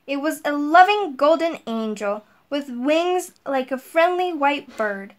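A middle-aged elementary guidance counselor with a high, animated voice reads a children's storybook aloud and talks to pupils, slow, deliberate and simple in school-counselor style. She's indoors in a small room at home, recorded with roomy echo from a distant mic.

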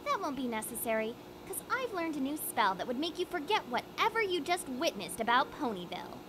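A woman voicing a polite, studious young female unicorn in a fan-made cartoon, earnest and animated. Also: sits high, fairly quick, background noise.

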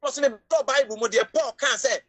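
In a high voice at normal speed, a Ghanaian-accented woman preaches emotionally, sometimes crying out and shouting. English phrases keep slipping into her Twi sermon.

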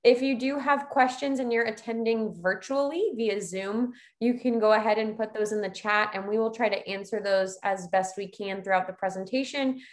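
A woman's voice: mid-range voice, steady tone, moderate pace, hardly any pauses. A woman giving a structured webinar presentation over a video call as an education company presenter. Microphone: video call, computer microphone.

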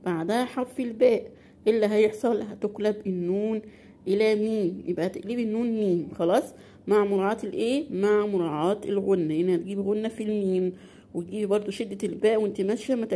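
A woman with an Egyptian accent teaching a beginner Quran recitation lesson, asking questions and answering them herself, and drawing out example words slowly. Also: medium pitch, mellow. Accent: Egyptian Arabic.

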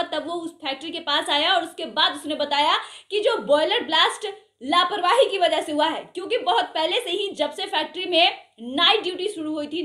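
Young woman news anchor, high voice, earnest questioning delivery, roomy studio echo. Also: sharp tone. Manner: earnest, questioning, with open hand gestures. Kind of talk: news report to camera. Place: small studio with a plant.

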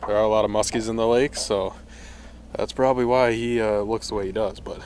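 A man's voice: on the low side, fairly even intonation, a little fast, darkish tone, slight background noise. A young man giving upbeat running commentary while fishing from a small boat on a lake, recorded on a handheld camera. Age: young adult. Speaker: fishing vlogger. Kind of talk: casual outdoor vlog commentary.

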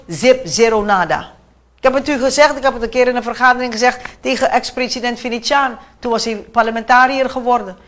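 A middle-aged woman with a Surinamese Dutch accent and a fairly high voice speaks as a talk show guest. She lectures emphatically, piling up rhetorical questions and slipping in short English phrases. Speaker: guest commenting on politics.

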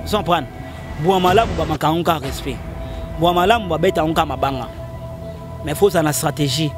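Interview guest, man, high voice, animated and opinionated, outdoors on a handheld mic, music under it. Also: a little fast. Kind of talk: casual interview talk. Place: outdoors against a concrete wall. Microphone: handheld microphone held by the host.

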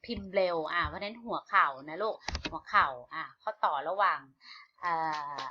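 A woman's voice: lowish voice, slight background noise. A woman teaching children an English lesson. She speaks patiently, repeats each word and spells it out letter by letter, with frequent "uh" fillers. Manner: calls students "child", fills pauses with "uh". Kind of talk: online lesson for kids. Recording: dull lo-fi recording.

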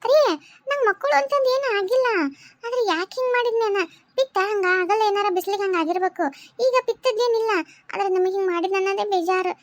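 A woman's voice: very high-pitched, fast talker, no room sound. Woman voicing a bewildered young village wife. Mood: apologetic. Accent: North Karnataka Kannada. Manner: plaintive, questioning. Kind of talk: cartoon voice acting.

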